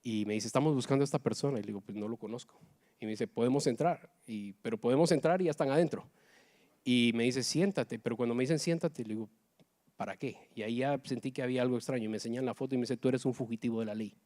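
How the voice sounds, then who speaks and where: Mellow-voiced man giving emotional testimony. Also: mid-range voice, fast. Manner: emotional, swinging between hushed and loud. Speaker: church member giving testimony. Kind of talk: personal church testimony.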